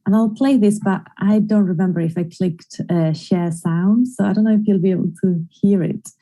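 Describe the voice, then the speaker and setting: A woman's voice: medium pitch, fairly even intonation, normal speed, warm tone, low-quality recording. A woman giving an online academic conference presentation, explaining her research methodically through a computer mic. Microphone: computer mic in an online screen-share presentation.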